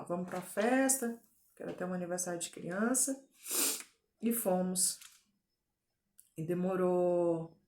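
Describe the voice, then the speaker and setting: A woman's voice: fairly low pitch, warm tone. Earnest Brazilian woman, echoey home room. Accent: Brazilian Portuguese. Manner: earnest, deliberate storytelling with frequent tag fillers. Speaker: testimony giver. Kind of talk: personal faith testimony. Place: at home, indoors. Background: faint drill noise.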